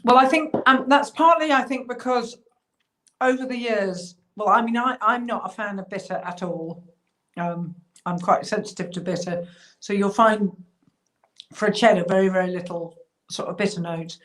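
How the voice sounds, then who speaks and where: A woman's voice: mid-range voice, normal speed, a bit bright. A woman with a mid-range voice answers questions over a video call. She explains at length, thinking aloud with plenty of ums and restarts. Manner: thoughtful, explanatory, with frequent fillers. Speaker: cheesemaker guest. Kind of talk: casual interview chat.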